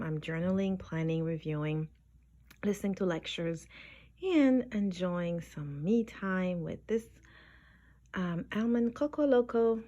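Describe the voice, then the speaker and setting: A woman's voice: on the low side, a little mellow. A woman teaching Quran classes and chatting through a casual vlog, a little congested, laughing easily and sometimes dropping to a near whisper.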